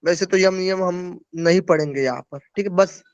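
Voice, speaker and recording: A man's voice: high-pitched, moderate pace, no room sound, highs cut off. A man teaching a yoga class over a video call. He explains each verse and keeps checking in with his listeners. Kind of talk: online class lecture.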